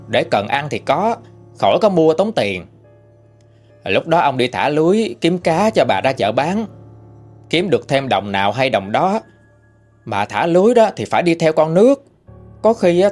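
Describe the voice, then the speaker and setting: A man's voice: medium pitch, big pitch swings, unhurried, darkish tone. A man with a Southern Vietnamese accent telling a ghost story in a chatty, folksy way. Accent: Southern Vietnamese (Mekong Delta). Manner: chatty, conversational. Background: faint background music.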